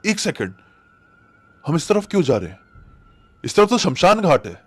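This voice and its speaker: A man's voice: on the high side, sing-song, normal speed, breathy edge, no room sound, voice pushed up. A man voicing a frightened, suspicious male auto-rickshaw driver in a storybook horror tale. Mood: alarmed.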